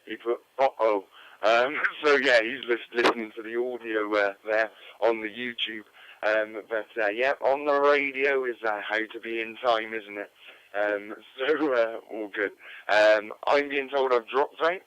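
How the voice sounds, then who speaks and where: A man's voice: medium pitch, fairly even intonation, measured pace, a bit bright, smooth, dry recording. A man acting as net control on an amateur radio net, talking casually with many hesitant fillers. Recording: dull lo-fi radio audio.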